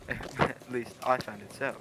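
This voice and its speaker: Through clear background noise comes a man acting a genial, loyal gentleman doctor in a radio play. His mid-pitched voice tells old adventures with courteous, dramatic flair. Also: fairly even intonation, takes it slowly, close to an everyday voice. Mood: storytelling. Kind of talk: old-time radio play narration and dialogue.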